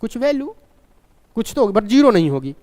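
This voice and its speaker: Speaking a little fast in a very high-pitched, darkish voice with big pitch swings, a man teaches a live physics class, slipping terms into his talk. He keeps quizzing his students and repeating key points, and a long reverb from a large room colors the recording.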